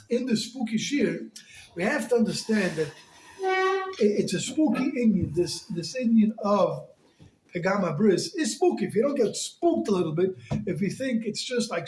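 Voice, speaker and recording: A rabbi giving a Torah class, talking in an animated way and mixing Yiddish and Hebrew terms into his English. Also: high voice. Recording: echoey room.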